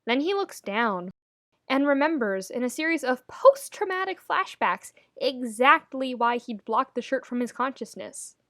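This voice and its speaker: A high-voiced woman reads fan fiction as a podfic narrator, telling the story in an unhurried, expressive style and leaning on phrases with wry, theatrical emphasis. The recording is dry, with very little room sound.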